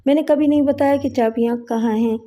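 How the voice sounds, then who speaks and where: A frail old servant on his deathbed, read by a woman confides in a pleading, loyal tone in an audiobook. The voice is soft and mellow and pitched fairly high. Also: fairly even intonation.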